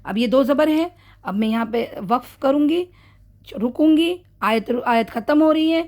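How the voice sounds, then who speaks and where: A woman teaching Quran recitation rules in a casual online lesson, explaining step by step, often checking in with her students, correcting her own slips and slowly modelling drawn-out example words. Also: sits high, darkish tone.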